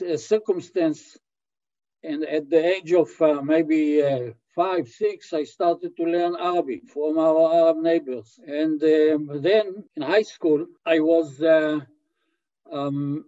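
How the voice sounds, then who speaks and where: A man in his eighties from Israel with an Israeli accent, answering interview questions slowly with many hesitations over a remote call. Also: fairly high pitch, warm tone. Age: 80s. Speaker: guest. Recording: dull lo-fi call audio.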